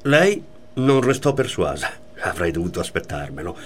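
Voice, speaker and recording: A man reads a tormented man torn between wife and mistress in a radio play. His clipped, halting lines leap wildly up and down, in a bright, forceful tone. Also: sits low, big pitch swings, slight background noise. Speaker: reader in a radio play reading.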